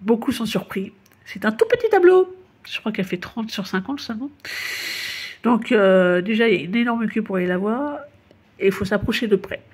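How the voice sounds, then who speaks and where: This tour narrator, a woman from Paris, has a mid-range, slightly rough voice with a darkish tone, lively intonation, and a moderate pace. She guides the listener around the city casually and informally, chatting and laughing at her own mistakes.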